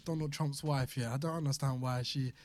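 A man's voice: medium pitch, fairly even intonation, fairly quick, darkish tone, slight background noise. A young man with a London accent, telling stories in casual, slangy podcast chat.

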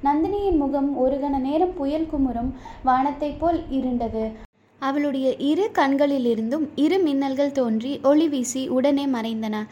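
A woman narrating a storybook in a steady, measured reading. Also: high voice, slight background noise. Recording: dull lo-fi recording.

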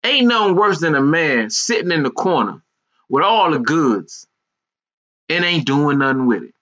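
A man's voice: a little high, sing-song, moderate pace, bright, forceful tone, lo-fi sound. An American man giving an informal sermon in colloquial, streetwise speech, emphatic and repeating phrases for effect. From United States. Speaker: preacher. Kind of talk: informal sermon with scripture reading.

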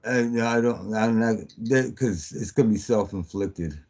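A man's voice: fairly low pitch, a little mellow. Man on a choppy, cutting-out phone line. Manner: halting, many fillers and restarts. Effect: phone line that keeps cutting out. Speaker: podcast guest on a phone call. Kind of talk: casual rambling account.

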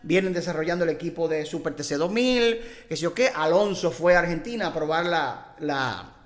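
A man, hosting and telling an animated anecdote, acting out the quoted dialogue. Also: a little high, moderate pace, long reverb tail. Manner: excited storyteller, acts out quoted dialogue.

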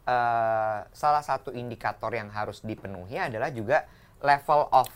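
A man's voice: medium pitch, moderate pace, noisy background. A man hosting a casual podcast, putting questions to his co-hosts and steering the talk. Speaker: podcast host. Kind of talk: casual chat.

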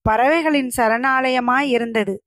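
A woman voicing a frail old male hermit who speaks in a soft, feeble, dreamy voice in a told story. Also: sits high, slow pace, no echo, clean studio sound. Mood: solemn.

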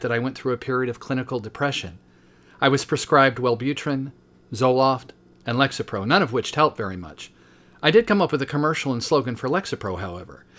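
A man's voice: mid-range voice, a bit bright. Man, 50s, teacher and podcast host, reading his own book aloud with brief asides, mid-range voice.

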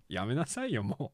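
Solo podcast host, male; animated and self-mocking, dry close sound. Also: medium pitch, no room sound. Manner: animated, self-mocking, laughs often at his own jokes. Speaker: podcast host reading listener letters. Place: small room at home.

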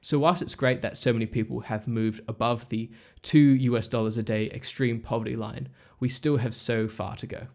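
Guy hosting a podcast, reading his script, mid voice, steady and explaining stuff. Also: medium pitch, normal speed, few pauses. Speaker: podcast host. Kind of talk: scripted narration.

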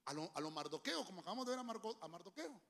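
A man preaching a sermon, emphatic and humorous, with sudden shouts, into a handheld microphone. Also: sits high, big pitch swings, very fast, vocal fry. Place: church.

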